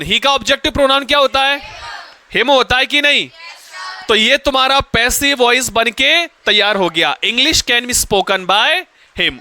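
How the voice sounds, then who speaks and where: A man teaching a classroom grammar lesson, firing questions at the students and pushing them to answer loudly. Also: very high voice, a little hiss or hum.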